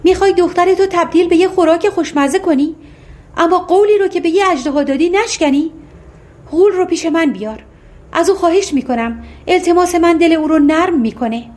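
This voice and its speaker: A woman's voice: very high-pitched, a little mellow, pitched above the performer's own voice. A woman voicing a queen begging to save her daughter, anguished and pleading.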